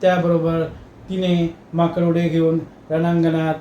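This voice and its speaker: A man telling a comic story in a lively, dramatic way. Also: on the high side, measured pace, roomy sound, lo-fi sound, a little hiss or hum.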